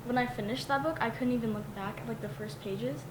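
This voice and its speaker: A young woman, an illustrator, talking haltingly in a podcast interview, full of fillers. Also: a little high. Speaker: book illustrator. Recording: roomy, with clear noise.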